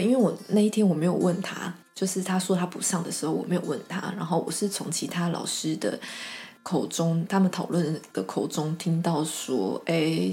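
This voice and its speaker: A young woman, hosting a podcast and telling a story about her teaching job in a casual, chatty way, with many fillers and soft whispered asides. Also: lowish voice. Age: young adult. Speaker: podcast host and children's class teacher.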